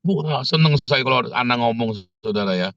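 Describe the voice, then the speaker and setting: A pastor preaching a sermon, telling humorous stories and jumping high in pitch when he quotes others. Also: expressive, normal speed, fairly bright tone, no room sound, dull audio.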